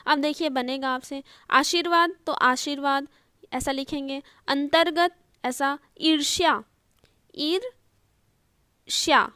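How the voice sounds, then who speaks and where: High-voiced woman teaching spelling. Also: steady tone, unhurried, bright, forceful tone, dry recording, studio quality. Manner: explains step by step, often repeating words and asking "ठीक है". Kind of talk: online spelling lesson.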